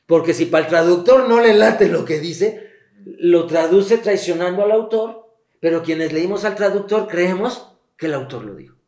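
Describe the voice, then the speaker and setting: A man's voice: high-pitched, expressive, moderate pace, a little mellow. Emphatic man in echoey room. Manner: emphatic, teacherly, blunt and colloquial. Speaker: guest expert on the Bible and sexuality. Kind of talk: explanatory interview talk.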